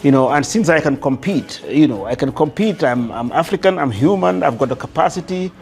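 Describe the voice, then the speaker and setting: Gambian man in his sixties, fairly high voice. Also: lively intonation, a little fast, vocal fry, a little mellow, soft background music. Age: 60s. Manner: hesitant starts, repeats phrases. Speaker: interview guest, construction entrepreneur. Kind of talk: conversational interview storytelling.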